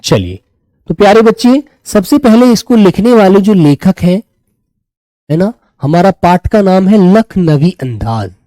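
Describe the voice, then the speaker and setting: A man from Uttar Pradesh, India, with a high voice, big pitch swings, a slightly slow pace, and a warm tone, teaches a live online exam class. His throat is a little sore as he fondly checks in with students, calling them "beta," and repeats key phrases so they can take notes. The recording is close and dry with no room sound.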